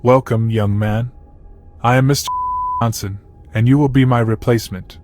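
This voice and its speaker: A man voicing a stern old male facility boss with a deep, gravelly voice, speaking slowly and deliberately over faint music. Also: fairly even intonation, lightly acted. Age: older. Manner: slow, deliberate, ominous.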